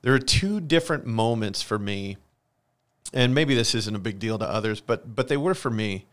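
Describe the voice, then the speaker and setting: In a conversational interview, an American man in his forties from Michigan gives candid personal testimony about his own life. His voice sits on the low side with a fairly bright tone, and he speaks at a moderate pace. He comes across as earnest and confessional, repeating phrases for emphasis.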